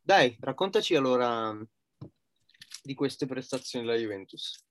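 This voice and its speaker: A man's voice: medium pitch, animated, normal speed, a bit bright. Joking Italian man hosting football banter. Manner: joking, self-deprecating. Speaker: host of a football talk show.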